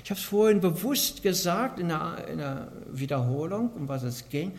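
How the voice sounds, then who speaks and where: In an earnest sermon, a man keeps asking his congregation rhetorical questions, his volume rising and falling sharply. His voice is a little high and animated, at a moderate pace.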